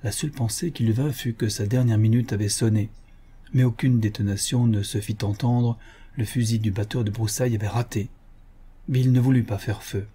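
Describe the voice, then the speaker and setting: A man reading an adventure novel aloud as an audiobook, in measured, even narration. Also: lowish voice, breathy edge. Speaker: audiobook reader. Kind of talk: scripted narration.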